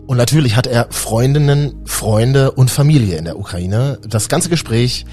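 A man's voice: medium pitch, expressive, moderate pace, darkish tone, faint music behind. A man hosting a podcast, introducing guests and asking questions in a friendly, conversational way. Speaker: podcast host.

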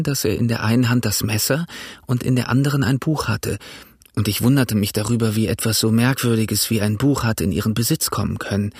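Male narrator, husky voice, dry close sound, measured reading. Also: medium pitch, no room sound. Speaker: audiobook reader. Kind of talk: scripted narration.

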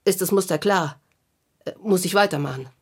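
A woman's voice: fairly low pitch, normal speed, breathy edge. An actress playing a grumpy, gloomy female clown in a children's radio play, talking in a sulky, self-pitying way. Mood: glum.

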